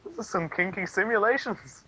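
A man's voice: high voice, normal speed, pushed and bright, husky, poor audio. A young man joking around as co-host of a casual gaming chat. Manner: joking, playful.

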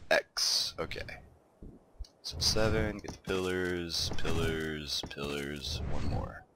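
Very deep-voiced and slow, a man talks to himself in a relaxed, chatty way while building in a game for his gaming video. His voice sounds somewhat stuffed-up, and background noise is audible.

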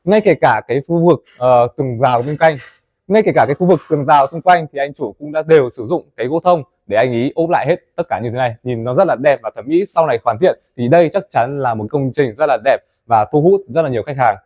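A young man presenting a tour of a café building site, talking quickly and chattily to viewers, recorded on a lapel mic inside a large wooden building. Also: mid-range voice, expressive, dry recording, highs cut off. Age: young adult. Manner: fast, chatty, addresses viewers as "mọi người". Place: indoors in a large wooden café under construction.

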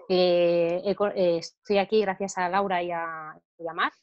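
A woman's voice: on the low side, steady tone, measured pace, dull audio. A woman from Madrid with a Spain Spanish accent, sharing her thoughts on a video call in a hesitant, reflective way. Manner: hesitant, reflective, soft trailing ends. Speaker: participant.

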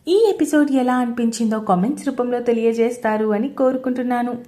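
A woman reads a romance story aloud, calm and even, her voice mellow and a little high. The recording has a roomy echo. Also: brisk. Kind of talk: scripted story narration.

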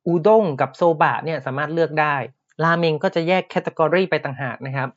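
Man, podcast language teacher, patient, repeats words slowly, slightly muffled recording. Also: fairly high pitch.

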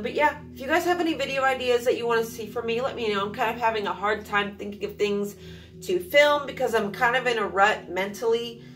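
This is a young Alaskan woman vlogging from a small room in her home, chatting casually and rambling with many fillers. She sounds medium-pitched and fairly bright, and she is far from the mic.

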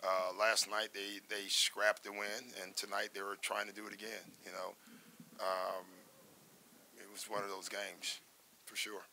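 An older man speaks as a basketball coach at a postgame press conference, relaxed and measured, leaning on fillers and restarts. His voice sits fairly low yet carries a bright, present edge. A faint hiss runs under the table-mic recording. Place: press room in front of a sponsor backdrop. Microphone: table microphone in front of him.

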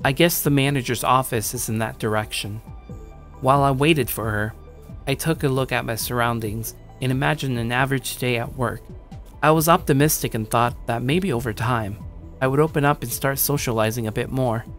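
In an anime-style audio drama, a young man narrates and plays the lead, a shy but slightly cocky gamer musing upbeat about his day. His mid-range, slightly bright voice moves at normal speed and sounds close to everyday, recorded dry over music.

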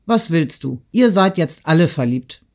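A man's voice: a little high, expressive, measured pace, a little mellow. A man reading an audiobook, voicing a countess and mother who speaks brusquely and dismissively. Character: dry, exasperated countess mother.

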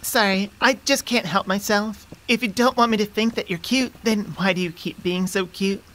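A woman close to a studio mic voices an affectionate young centaur girlfriend, teasing and easily flustered, in an intimate, sweet, conversational ASMR roleplay with a fond, teasing mood. Her voice is medium-pitched, steady, fairly bright, and close to everyday speech at normal speed, though the recording is rough.

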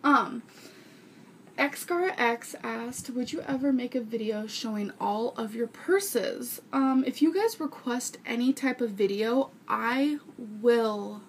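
A woman's voice: a little high, takes it slowly, slight background noise. A woman in her twenties chatting informally and earnestly to viewers, rambling a little as she answers their questions. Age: 20s. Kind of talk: casual chat to viewers. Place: small furnished bedroom indoors. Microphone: webcam or camera mic at arm's length.

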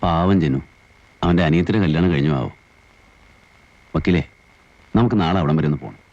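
A quiet, brooding lodger in a film drama, speaking in few, subdued words. His voice is very deep. It comes through a dull, dry old soundtrack. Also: normal speed, no echo. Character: quiet, brooding male lodger, just released man.

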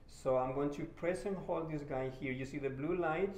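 A man, a bike shop mechanic giving a relaxed hands-on repair tutorial in a shop showroom. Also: a little high, moderate pace, reverberant, a little hiss or hum. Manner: relaxed and friendly, with many "uh" fillers.

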